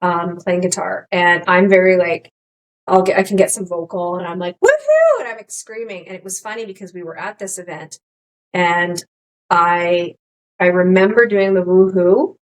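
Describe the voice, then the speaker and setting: A middle-aged woman co-hosting a podcast, talking candidly in casual chat, rambling with many restarts and animated quotes of her own thoughts. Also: fairly low pitch, normal speed, rough recording. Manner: rambling, restarts often, animated quoting of herself. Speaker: podcast co-host.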